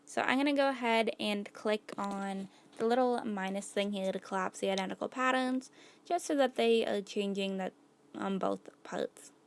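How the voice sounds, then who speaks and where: A woman's voice: medium pitch, moderate pace, creaky. Chatty woman losing her voice. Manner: thinks aloud, chatty, many "like"s and "gonna go ahead". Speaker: host narrating a build video. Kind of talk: casual gameplay voice-over.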